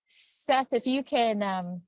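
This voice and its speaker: A woman's voice: a little high, no room sound, faint music behind. Woman on a choppy, cutting-out call. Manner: halting, broken-off phrases. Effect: choppy audio cutting out over a bad internet connection. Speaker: guest speaker on a video call. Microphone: phone.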